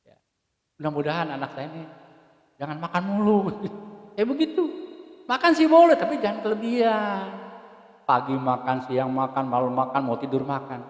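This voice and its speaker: A man giving an informal, joking religious talk, swinging from loud to hushed. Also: a little high, lively intonation, normal speed, long pauses. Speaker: preacher. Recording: roomy hall with long reverb.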